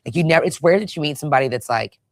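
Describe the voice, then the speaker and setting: A woman talks quickly and animatedly as a guest in a studio interview, with a gravelly, fry-tinged voice. The sound is close and dry, with no room echo. She piles up filler phrases and casual profanity as she tells her stories. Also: deep voice, lively intonation. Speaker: guest, podcast host.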